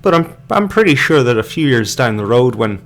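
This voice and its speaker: A man's voice: medium pitch, sing-song, a little fast, creaky, fairly bright tone. An Irish man hosting a podcast live stream, rambling through hesitant casual commentary with many fillers and restarts, sipping beer as he goes. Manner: drinking beer while talking. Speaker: podcast host.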